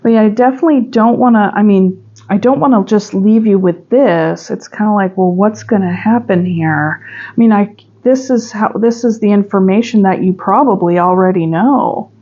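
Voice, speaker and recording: A woman's voice: mid-range voice, normal speed, dark tone, lo-fi sound. A woman giving a pick-a-pile tarot reading, musing and chatty with sudden emphatic bursts. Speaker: tarot reader.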